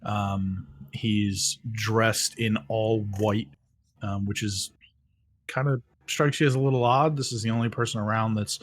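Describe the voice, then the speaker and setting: A man's voice: lowish voice, dry recording. A man narrating as game master, rambling, with many ums and restarts.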